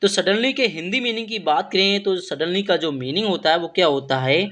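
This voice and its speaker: A man giving a spoken vocabulary lesson, spelling each English word letter by letter and repeating its meaning in Hindi with a steady "okay". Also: high voice, normal speed. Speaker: English teacher.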